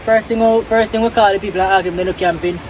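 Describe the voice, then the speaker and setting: A man's voice: sits high, steady tone, fast, noisy background. A man with a Jamaican accent chatting and telling stories casually in informal patois phrasing outdoors. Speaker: vlog co-host. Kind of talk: casual chat and storytelling. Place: outdoors by a river.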